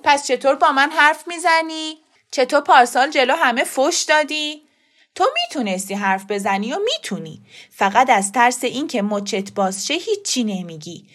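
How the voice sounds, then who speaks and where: Brief: woman voicing a feisty old grandmother for an audio story, brisk, coaxing and insistent. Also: high-pitched, animated, a bit bright.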